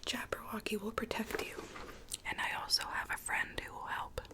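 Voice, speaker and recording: A woman's voice: moderate pace, close to an everyday voice. Whispering sweet rogue storybook Alice played by a woman. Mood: confiding, earnest. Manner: soft, coaxing, theatrical storytelling. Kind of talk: whispered ASMR roleplay.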